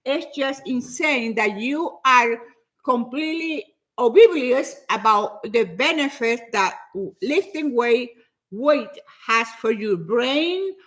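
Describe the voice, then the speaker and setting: A woman in her seventies, a Spanish speaker by first language, chatting casually with her viewers about fitness, often repeating words as she goes. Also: on the high side. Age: 70s. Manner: lively, repeats herself, says she talks fast.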